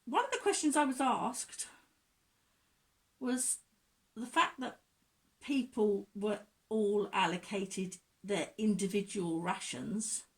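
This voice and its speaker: Woman, mid-pitched, casual interviewer, hesitant phrasing, conversational. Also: lively intonation, slow.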